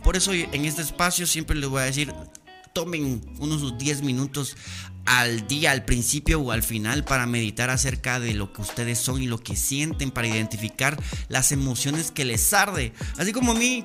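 A man's voice: mid-range voice, normal speed, faint music behind. A young Guatemalan man hosting a podcast, telling stories in casual, slangy, playful chat. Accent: Guatemalan Spanish. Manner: animated, slangy, playful storytelling. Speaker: podcast host.

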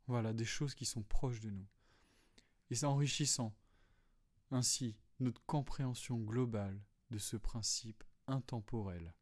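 A man hosting a solo podcast, calmly explaining philosophy, with frequent fillers and restarts. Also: medium pitch, unhurried. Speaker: podcast host. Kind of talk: reflective solo talk on philosophy.

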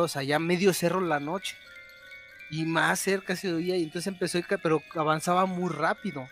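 A Mexican man spins a night-time tale in loose, slangy talk, with a voice that sits a bit high for a man. He gets animated and mimics the shouts he describes. Music plays clearly behind him. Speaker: storyteller. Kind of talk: casual storytelling chat.

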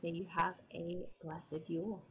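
A woman speaking as an interview guest, explaining her own practice casually in halting, thoughtful phrases. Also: fairly low pitch, level tone, muffled recording, heavy background noise.

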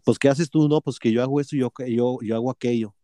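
Mexican guy telling workplace drama, swears a lot, plays out the argument, dark mellow tone. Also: medium pitch, fairly even intonation, quick pace, no room sound. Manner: profane, gossipy, acts out both sides of quarrels. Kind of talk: casual storytelling chat.

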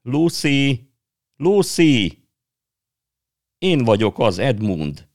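Lost young schoolboy shouting for his sister, high strained boyish calls, anxious and sulky, voiced by a man. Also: very animated. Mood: frantic calling. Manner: shouting, calling out pleadingly.

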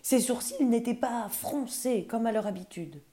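A woman storyteller reading a children's tale aloud in a gentle voice that often drops to soft, hushed tones. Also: on the high side, unhurried.

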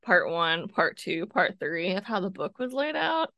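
A woman's voice: mid-range voice, big pitch swings, unhurried, vocal fry, sharp tone, no room sound, lo-fi sound. Brief: woman podcast co-host, casual book chat, dry close sound. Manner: chatty, lots of "like" and "kinda". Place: home, with her cat nearby.

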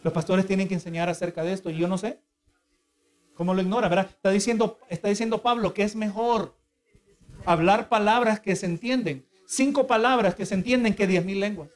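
A man's voice: sits high, steady tone, brisk. A male preacher giving a sermon, earnest and explanatory, who keeps asking the congregation for agreement. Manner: asks the congregation for agreement again and again; earnest, explanatory, with repeated restarts.

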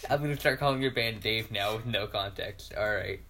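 A man's voice: on the low side, brisk, a crowd in the background. A man co-hosting a casual podcast, rambling with many fillers and restarts, often breaking into laughter. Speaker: podcast co-host. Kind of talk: casual chat.

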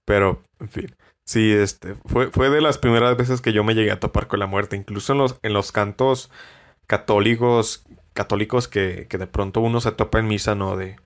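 Halting Mexican man musing on a podcast. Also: fairly low pitch. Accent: Mexican Spanish. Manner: halting, many restarts and repeated words. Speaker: podcast host. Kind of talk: reflective solo podcast monologue.

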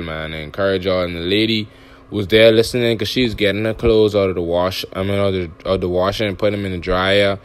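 A man hosting his own podcast, talking directly to listeners in a repetitive, exhorting motivational monologue, full of restarts. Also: on the low side. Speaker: podcast host.

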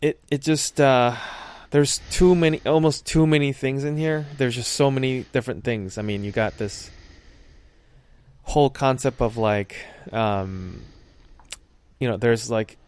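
A man's voice: mid-range voice, a little slow, a little mellow, clean tone. A man in casual chat about a film, thoughtful and searching for words with frequent fillers. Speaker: podcast co-host discussing a film.

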